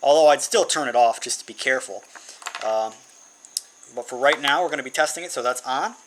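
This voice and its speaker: In a noisy amateur recording with insects humming in the background, a man demonstrates his electronics build. He talks a little fast in a mid-range, slightly bright voice, casually thinking aloud as he goes.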